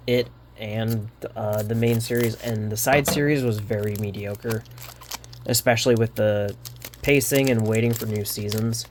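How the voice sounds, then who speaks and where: A man rambling through a card unboxing, halting often with fillers and restarts, a little winded. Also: medium pitch, slight background noise. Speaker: card unboxing channel host. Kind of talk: casual unboxing commentary.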